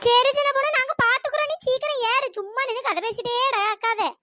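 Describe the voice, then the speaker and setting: Voiced as shrill greedy cartoon village women. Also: female voice, fast, pushed and bright, no echo. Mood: bossy. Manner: nagging, teasing, shrill calls. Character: bickering, greedy village women after palm fruit. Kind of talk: cartoon voice acting.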